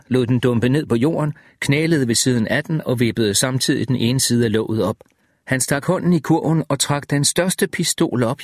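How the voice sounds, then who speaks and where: A man narrating a first-person audiobook in a measured, even storytelling manner, slowing down on vivid details. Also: medium pitch, no echo, clean studio sound.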